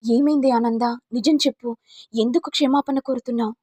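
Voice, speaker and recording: An alarmed elder sister who fires anxious questions, as a woman reading a story puts her on. Her voice sits high and mellow, with a husky edge. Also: steady tone, brisk, dry recording. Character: alarmed older elder sister, demanding answers.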